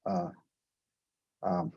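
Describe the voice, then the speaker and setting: A man from Cuba, a law student, introducing himself on a video call, quick and with uhs and ums. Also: warm tone. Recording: muffled video-call audio.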